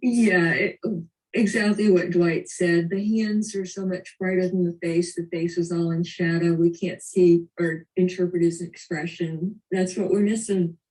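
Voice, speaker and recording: A woman critiquing photographs as a competition judge, thoughtful and hesitant with frequent pauses. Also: fairly low pitch, steady tone, a little mellow. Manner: hesitant, thoughtful, with many ums. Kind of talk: spoken critique. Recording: distant mic.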